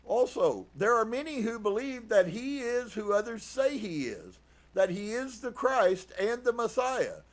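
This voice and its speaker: A man preaching earnestly as a pastor, reading from a book and reflecting on it with soft laughs. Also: high-pitched, sing-song, unhurried. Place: live stream.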